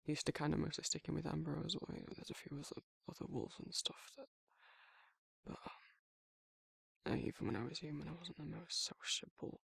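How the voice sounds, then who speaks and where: In an intimate romantic ASMR roleplay, a performer voices a big, tender, shy and awkward male werewolf with a very gravelly, breathy, medium-pitched voice that often drops toward a whisper. He sounds bashful and nervous, stammering, hesitating and rambling at a brisk pace with fairly even intonation. The recording is close and dry, with no echo.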